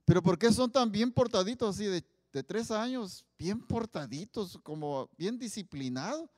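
A man preaching, his voice sitting high for a man. He keeps asking the audience questions and punches out Bible quotes. His voice rings out with a long reverb in a hall. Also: lively intonation, moderate pace, clean studio sound. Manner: asks the audience many questions, loud emphatic Bible quotes. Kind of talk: sermon.

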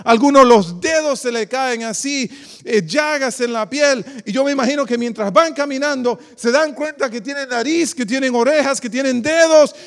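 A man's voice: very high voice, normal speed, long reverb tail. A pastor from the Republic, preaching a sermon and quizzing his congregation with questions. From Dominican Republic. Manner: preacherly, asks the congregation questions, calls them "queridos".

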